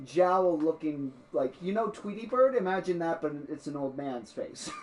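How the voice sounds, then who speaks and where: A man's voice: on the high side, big pitch swings, moderate pace, a little mellow, a little hiss or hum. A man narrating as game master of a tabletop game, often laughing as he goes.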